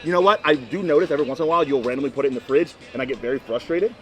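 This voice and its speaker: A man's voice: on the high side, racing, fairly bright tone. A man in his twenties in casual couples chat, rambling and emphatic, often repeating himself to press his point. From Florida, United States. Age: 20s. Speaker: boyfriend in couples Q&A vlog.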